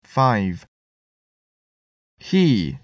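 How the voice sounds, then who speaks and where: Slow, deliberate man reading test items. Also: fairly low pitch, very animated, dry recording, studio quality. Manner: deliberate, each sentence read twice. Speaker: listening test reader.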